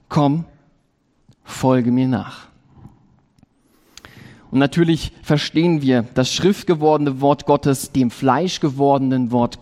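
A man preaching a sermon, slow and emphatic, repeating key phrases with rising stress. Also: medium pitch, darkish tone. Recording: long reverb of a large hall.

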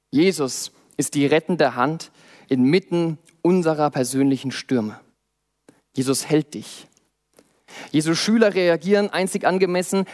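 A young man giving a sermon, dramatic, asking rhetorical questions and swinging between loud and soft. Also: a little high. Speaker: youth preacher.

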